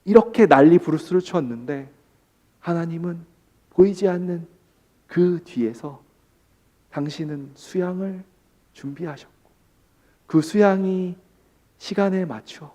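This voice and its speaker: A man preaching a sermon as pastor, who moves between hushed, slow emphasis and loud, impassioned pleading. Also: fairly high pitch.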